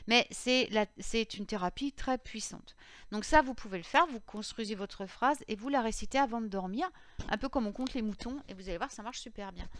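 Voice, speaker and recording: A woman vlogger giving casual advice on magical sleep habits, hesitant and full of fillers and restarts, sometimes reciting mantras slowly syllable by syllable. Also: on the high side, fairly bright tone. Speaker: witchcraft vlogger.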